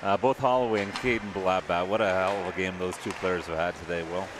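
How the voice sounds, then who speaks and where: A man giving relaxed, analytical color commentary on a hockey game. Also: low-pitched, fast talker, background noise. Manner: relaxed analytical, laughs easily.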